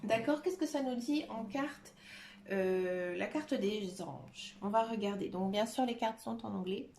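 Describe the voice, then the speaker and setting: A woman giving a tarot reading to her viewers, talking gently and hesitantly with many filler sounds. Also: mid-range voice, unhurried. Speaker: tarot card reader. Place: room at home, dog nearby. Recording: echoey room with faint noise.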